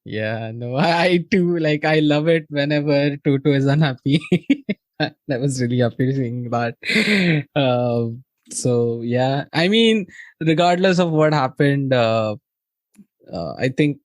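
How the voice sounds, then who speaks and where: A man's voice: medium pitch, slow, dry recording. A man co-hosting a motor racing fan podcast, chatting casually with frequent laughs and hesitant fillers. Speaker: podcast co-host. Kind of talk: casual chat.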